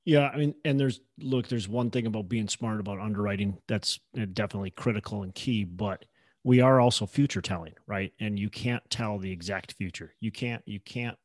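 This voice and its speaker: A low-voiced man hosts a podcast interview. He asks his guest questions and agrees with short remarks. The recording is dry and close. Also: fairly quick, dry recording. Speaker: podcast host.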